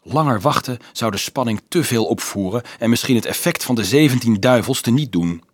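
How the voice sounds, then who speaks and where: Husky man reading a story aloud. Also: medium pitch, a little fast, dry recording, studio quality. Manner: dramatic, expressive storytelling. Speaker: narrator. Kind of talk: audiobook narration.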